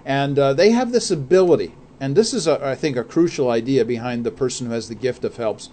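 A man's voice: medium pitch, animated, fairly quick, dark tone. A man co-hosting a faith radio show, talking earnestly with many fillers and restarts. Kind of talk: casual radio talk.

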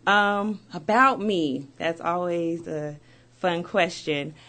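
A woman raised in America, a guest on a radio show, talking about herself in an upbeat, chatty way with quick bursts. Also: lowish voice, pushed and bright. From United States. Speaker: guest, community ministry founder. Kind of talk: radio interview. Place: radio studio.

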